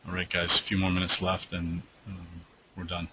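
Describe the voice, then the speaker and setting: A man's voice: deep voice, completely flat delivery, normal speed, heavy background noise. A man hosting a live trading webinar who answers viewer questions in a loose, rambling way with lots of fillers, and who is losing his voice.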